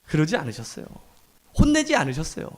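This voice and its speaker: A middle-aged male pastor giving a sermon in a lively, conversational way, acting out quoted lines. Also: fairly high pitch, quick pace.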